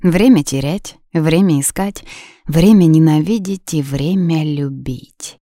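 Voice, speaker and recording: A woman reads an audiobook in a measured, expressive manner. Her voice sits very low for a woman, and the recording is close and completely dry. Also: no room sound. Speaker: audiobook narrator. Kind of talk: dramatic audiobook narration.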